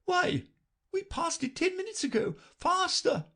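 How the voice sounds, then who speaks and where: A man voicing a brisk, imperious queen chess piece who cries out orders in a shrill, commanding way. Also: sing-song, bright, forceful tone, exaggerated voice. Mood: urgent.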